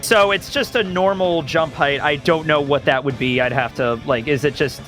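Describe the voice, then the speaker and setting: A man's voice: a little high, moderate pace, fairly bright tone, soft background music. A man chatting casually as a player in a tabletop role-playing game, talking through his moves.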